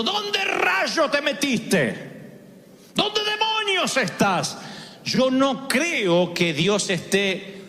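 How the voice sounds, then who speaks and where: A man's voice: sits high, fairly bright tone, in a large hall. A middle-aged man with an Argentine Spanish accent preaching a sermon, dramatic storytelling that acts out voices. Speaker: pastor.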